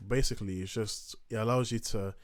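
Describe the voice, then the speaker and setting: Very low and dry, this young adult's voice stays fairly even in intonation and moves a little fast, with no echo. In his casual screen-captured production tutorial he rambles, fills gaps with filler words, interrupts himself, and sometimes turns away from the desk microphone.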